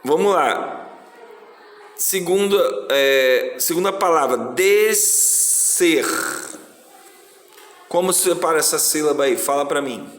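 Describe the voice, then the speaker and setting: Brazilian male teacher, slightly high voice, slow deliberate delivery; roomy reverberant sound, faint background noise. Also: a bit bright. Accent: Brazilian Portuguese. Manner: patient, drawn-out syllables. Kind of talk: slow classroom explanation. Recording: echoey room, faint noise.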